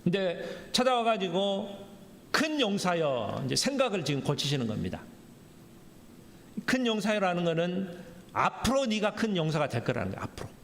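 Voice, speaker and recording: Animated gravelly pastor preaching in echoey hall. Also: male voice, sits high, moderate pace. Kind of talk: Sunday sermon. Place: church sanctuary. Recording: echoey church hall, faint background noise.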